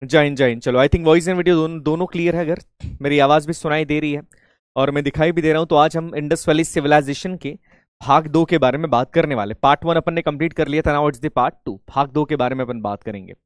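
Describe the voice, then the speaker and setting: A man's voice: a little high, a little fast, no echo, studio quality. A man teaching a live online class, repeatedly checking whether students can hear him and mixing English phrases into his talk, sounding slightly unwell. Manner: hybrid Hindi-English, chanting patriotic greetings, repeatedly checking audio.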